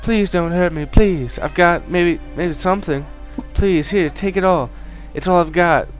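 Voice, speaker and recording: A man's voice: on the high side, fairly quick, darkish tone, soft background music, voice pushed up, natural voice. A man voicing a frightened, pleading townswoman in a video game with a put-on Southern belle accent, melodramatic in manner. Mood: terrified pleading. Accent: put-on American Southern.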